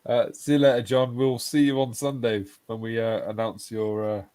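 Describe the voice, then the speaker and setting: Reading chat messages aloud and laughing along, this host in his forties keeps his live stream casual and full of banter. He speaks at a normal speed with a warm, level, medium-pitched voice, and there's no echo.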